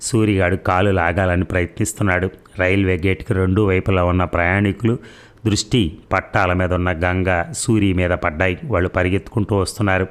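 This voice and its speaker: A man telling a story in a steady, earnest way, adding heartfelt remarks of his own. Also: low voice, fairly quick, clear, resonant tone. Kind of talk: storybook narration.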